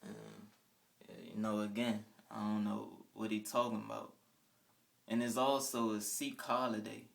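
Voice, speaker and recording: A man's voice: on the low side, flat delivery, a little slow, creaky. A young man casually telling a rambling first-person account in a vlog, with restarts and trailing off. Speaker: vlogger.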